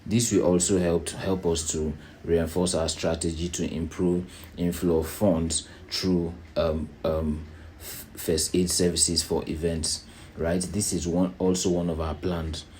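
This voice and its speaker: Man, low pitch, unhurried delivery, careful explanatory presentation, organisation leader, noticeable background noise. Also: little pitch movement, warm tone. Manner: slow, unhurried, deliberate explaining; checks in with "right?". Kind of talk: slide presentation to volunteers.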